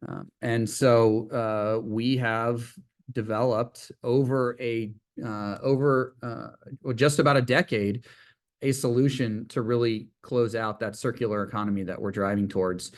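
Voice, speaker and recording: Male executive presenter, medium pitch, hesitant and informal, speaking on a video call. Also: fairly even intonation. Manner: hesitant, halting phrasing. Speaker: company CEO presenting.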